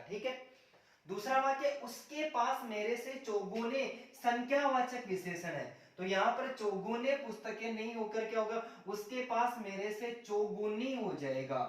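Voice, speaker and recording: A high-voiced man teaches a grammar lesson for an exam, putting a question to his viewers and then answering it himself while repeatedly addressing them as "friends." He is far from the microphone in a very echoey room.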